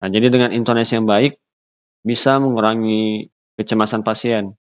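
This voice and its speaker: A man with a lowish voice lectures in an unscripted way, halting with fillers and restarting phrases as he explains. The recording sounds dull and lo-fi. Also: little pitch movement.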